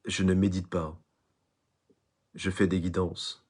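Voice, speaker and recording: A man's voice: low voice, flat delivery, slow pace, darkish tone, breathy edge. A man giving an online spiritual lecture, emphatic, who repeats phrases and tells little stories. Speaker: spiritual teacher.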